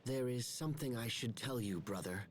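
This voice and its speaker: An actor playing a stern, distrustful young man in a fantasy video game, speaking formally and gravely. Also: mid-range voice, lively intonation, normal speed, crowd noise, close to an everyday voice.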